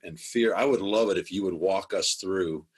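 Deep husky man, halting host. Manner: halting, stammers over repeated words. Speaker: podcast host. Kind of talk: podcast interview.

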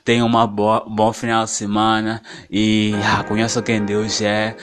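A man with a low, steady voice delivering a relaxed podcast sermon. He speaks in short, repeated phrases that build on each other. He slows down to lead a prayer, and faint music plays underneath. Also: smooth. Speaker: podcast preacher.

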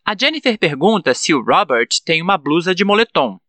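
A man with a Brazilian Portuguese accent hosting an English-learning podcast, slowly drilling example sentences for students. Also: high-pitched, very animated, pushed and bright, dry recording. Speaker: podcast host and English teacher. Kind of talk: teaching English lesson.

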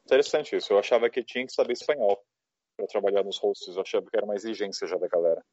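A man hosting a casual chat, talking in an animated way and handing out advice. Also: fairly low pitch, rapid-fire, dry recording. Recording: dull lo-fi audio.

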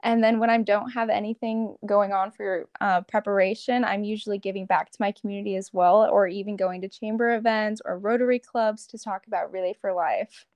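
A woman's voice: mid-range voice, fairly even intonation, a little fast, hardly any pauses, no room sound, dull audio. A woman in her late teens with an American accent, giving conversational answers as an interview guest. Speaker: podcast guest, pageant competitor and volunteer.

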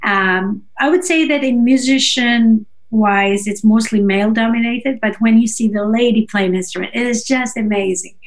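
Her voice is on the high side as she, a singer-songwriter guest, talks through a relaxed conversational interview. Halting and searching for words, she keeps checking with "right?". She first spoke Russian and Georgian.

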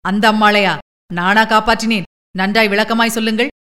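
Woman doing a loud, blunt village farmer. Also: medium pitch, fairly even intonation, a little fast, close to an everyday voice. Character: plain-spoken adult male village farmer.

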